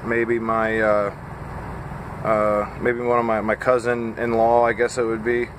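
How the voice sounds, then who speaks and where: A man's voice: fairly low pitch, completely flat delivery, background noise. Tired trucker rambling in his cab. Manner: rambling, halting, with frequent fillers. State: tired and a little scattered. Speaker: truck driver vlogger. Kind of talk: casual vlog chat. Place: parked truck cab at night. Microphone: phone camera at arm's length.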